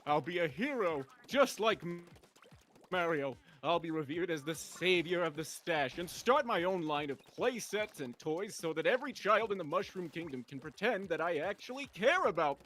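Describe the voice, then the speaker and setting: A man playing an excitable, vain, dim-witted Luigi in an amateur comedy story, rambling and exclaiming in a hammy way. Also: a little high, a little hiss or hum.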